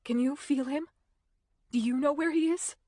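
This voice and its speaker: A woman's voice: high-pitched, moderate pace, dark tone, dry recording, studio quality, pitched above the performer's own voice, lightly acted. A woman narrator voicing a stubborn young heroine who speaks in a strained, insistent way. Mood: upset insistent. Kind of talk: audiobook character voicing.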